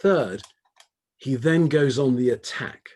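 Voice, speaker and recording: Man lecturing, kinda husky voice, slow emphatic delivery, stacks up words for effect. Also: medium pitch, expressive, a little mellow. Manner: measured, emphatic delivery with rhetorical lists. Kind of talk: academic lecture.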